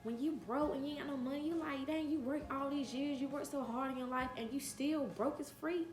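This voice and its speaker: With a high, brisk voice echoing around the room, a woman in her late twenties tells her vlog audience about something from her own life. She's earnest and forceful, circling back to the same phrases for emphasis.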